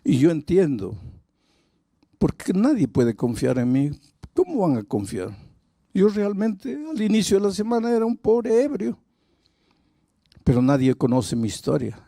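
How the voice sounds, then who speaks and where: A man's voice: high voice, huge pitch swings, a little slow, gravelly, pauses often, warm tone, no room sound, studio quality, pitched above the performer's own voice, heavily acted. A male pastor speaking in the first person as a remorseful former drunk man confessing his past. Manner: confessional, heavy with guilt.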